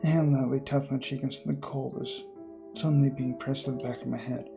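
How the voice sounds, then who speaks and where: A gaming video host with a medium-pitched, creaky voice reads visual novel text aloud dramatically, moving fairly quickly in a level tone. He adds casual commentary and stumbles now and then, with game music behind him.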